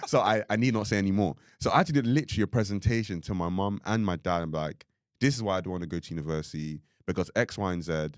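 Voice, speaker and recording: Very deep voice, young man, rambling podcast chat, dry close mic. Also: very fast, no room sound. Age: young adult. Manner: rambling, filler-heavy, full of "like". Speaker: podcast co-host.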